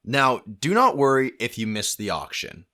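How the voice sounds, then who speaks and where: A man's voice: medium pitch, big pitch swings, moderate pace, pushed and bright. A man hosting a book launch event, making upbeat announcements. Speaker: host.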